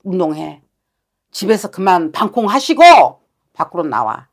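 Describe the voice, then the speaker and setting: A woman's voice: on the low side, sing-song, normal speed. A woman shaman giving a fortune-telling session, talking bluntly and scolding with coarse words.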